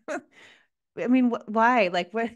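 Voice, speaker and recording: A woman's voice: on the high side, very slow, lo-fi sound. A middle-aged woman hosting a podcast over a video call, gushing and rambling with many fillers as she introduces her guest. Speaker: podcast host. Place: living room at home, indoors. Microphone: large podcast microphone on video call.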